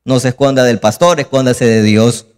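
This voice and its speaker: A man preaching a sermon as pastor, lively and acting out scenes. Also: medium pitch, normal speed, smooth, long reverb tail.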